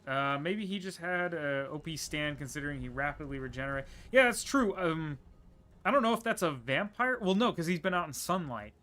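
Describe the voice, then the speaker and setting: Bright-voiced male gaming streamer. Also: a little high, expressive. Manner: rambling, thinking aloud, quick laughs. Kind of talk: casual gameplay commentary.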